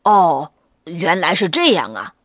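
A woman voicing a big, hungry male gray wolf in a children's story, loud and blustering, slow to catch on. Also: lowish voice, very animated, no echo, clean studio sound, pitched below the performer's own voice, heavily acted. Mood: puzzled.

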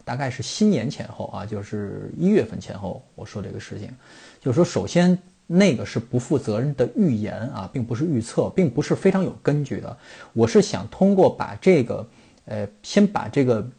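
A man's voice: mid-range voice, creaky, dark tone, husky. A middle-aged man from China hosting a football podcast, explaining things in a rambling monologue full of fillers and restarts.

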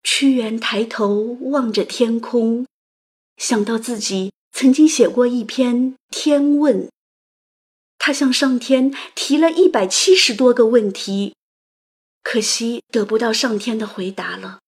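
A woman host narrating a literary story in a delicate, gentle, romantic manner. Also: on the high side, steady tone, slow, husky. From China. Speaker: audio program host and narrator.

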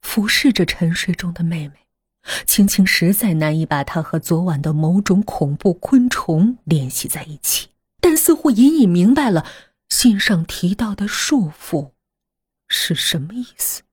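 A woman narrating a horror story in a hushed voice that often drops to a half-whisper. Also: lowish voice, animated, measured pace, husky, no room sound, studio quality.

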